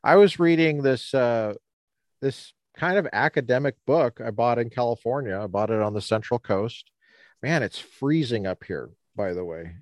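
A Colorado man co-hosts a casual podcast chat while standing outdoors by the ocean on a cold day. His medium-pitched, animated voice rambles and halts with many restarts, and there is no echo.

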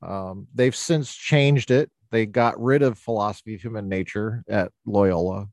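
A man's voice: on the low side, unhurried, darkish tone, no room sound. A man hosting a podcast, a professor chatting casually with a guest, with a teasing, joking manner. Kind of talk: casual interview chat.

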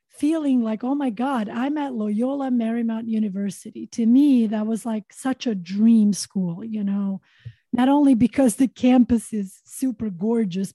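A woman's voice: on the high side, dark tone, no room sound. A woman from Montenegro, a podcast guest, talking earnestly in a reflective interview with many fillers and repeated words.

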